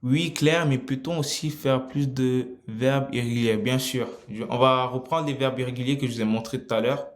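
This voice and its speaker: Male teacher, mid-pitched, unhurried live-lesson delivery, roomy echo. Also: fairly even intonation. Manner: slow, drawn-out explaining with frequent pauses. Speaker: Italian teacher. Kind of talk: live online grammar lesson. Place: room, typing on a keyboard.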